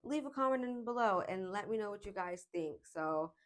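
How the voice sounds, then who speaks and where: A woman in her late twenties talking to camera in a casual self-help vlog, reflective and chatty, with frequent pauses and fillers. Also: mid-range voice, expressive. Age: 20s. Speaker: vlogger.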